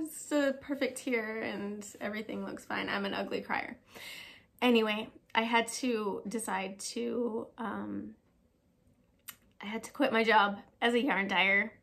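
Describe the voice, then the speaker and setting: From her home knitting room, a woman vlogs about knitting, chatting casually to camera, poking fun at herself and swearing now and then. Her voice is mid-range and fairly bright.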